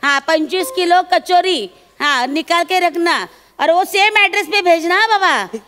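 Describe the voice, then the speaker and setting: A woman's voice: very high-pitched, lively intonation, moderate pace, pushed and bright. A woman playing a bossy, teasing shopkeeper in a comedy sketch, sometimes switching into Hindi on the phone. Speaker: shopkeeper selling snacks. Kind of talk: Marathi comedy sketch acting.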